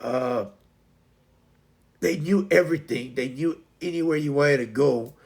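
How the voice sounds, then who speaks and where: A man's voice: fairly high pitch, measured pace, a little mellow. A man hosting a livestream, rambling loosely through a casual story with lots of fillers and restarts. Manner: frequent laughter. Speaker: livestream host.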